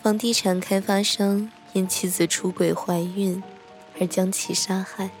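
A woman playing a soft-spoken teasing hotel attendant. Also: mid-range voice, steady tone, natural voice. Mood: eerie. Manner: gentle, teasing, slows and hushes for eerie moments. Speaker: hotel staff member telling a ghost story to a horror writer. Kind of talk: role-play audio drama with soft storytelling. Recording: soft background music.

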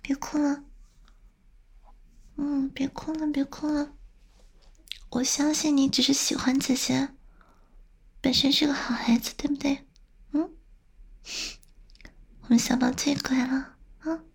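A high-pitched, slightly gravelly young older sister, voiced by a woman, in a whispered role-play. She is stern and doting, scolding close to the ear and then coaxing softly. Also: fairly even intonation, measured pace, pauses often. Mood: soothing.

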